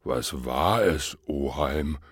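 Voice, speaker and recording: A man voicing an excitable, greedy male bear in an audiobook fable, pleading and crying out eagerly. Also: drawn-out words, husky, no room sound, clean studio sound, full character voice. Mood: puzzled. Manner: eager, pleading, rising to high excited cries. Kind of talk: audiobook reading of a verse fable.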